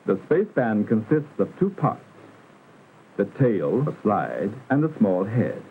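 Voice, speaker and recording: A lively male narrator with a fairly low voice delivers scripted educational narration for a 1960s industrial film, sounding formal and didactic with measured enunciation. The vintage soundtrack is tinny, muffled, and narrow-band, with hiss.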